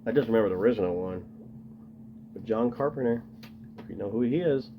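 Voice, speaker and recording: A man's voice: lowish voice, brisk, dull audio, a little hiss or hum. A man casually rambling to camera as he shows off his collection, enthusiastic and full of fillers. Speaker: video host showing his tape collection.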